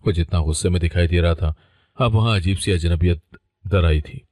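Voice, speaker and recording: A man narrating a dramatic moral story in a steady, measured storytelling voice. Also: low voice, dry recording, clean studio sound. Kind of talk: scripted narration.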